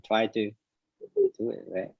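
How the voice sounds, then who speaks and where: Teaching an English class online, this man drills vocabulary and keeps checking in with "right?". His low voice is flat, unhurried and touched with vocal fry. The computer microphone on the video call gives dull lo-fi audio, with crowd noise behind him.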